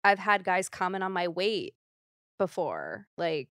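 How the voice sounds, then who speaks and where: A woman's voice: fairly low pitch, big pitch swings, a little slow, a bit bright, no room sound, studio quality. A young woman talking candidly as a podcast guest, rambling with lots of fillers and the odd nervous laugh. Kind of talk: casual podcast conversation.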